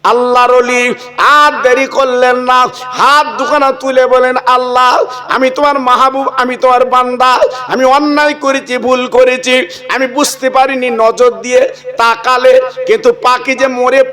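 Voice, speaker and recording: A man's voice: very high voice, level tone, measured pace, sharp tone. A man preaching a sermon, telling a story with acted dialogue and asides to the crowd.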